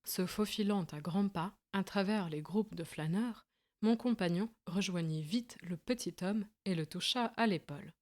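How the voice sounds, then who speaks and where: A woman narrating a classic detective story in a steady, clear storytelling manner. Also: medium pitch, normal speed. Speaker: audiobook narrator. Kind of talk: scripted narration.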